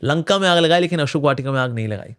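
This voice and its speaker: Animated man answering an interviewer. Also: fairly high pitch, fast, smooth. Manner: animated, acts out inner voices, mixes English phrases. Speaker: spiritual speaker.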